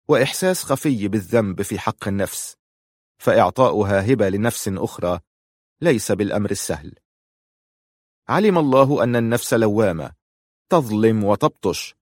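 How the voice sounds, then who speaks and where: A man narrating a novel in a measured, emotive way. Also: lowish voice, animated, dry recording, studio quality. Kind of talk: audiobook narration.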